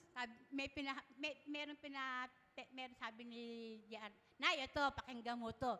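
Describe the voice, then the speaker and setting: A woman giving an emotional personal testimony in church, halting and tearful, laughing softly between lines. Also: sits high, big-room sound.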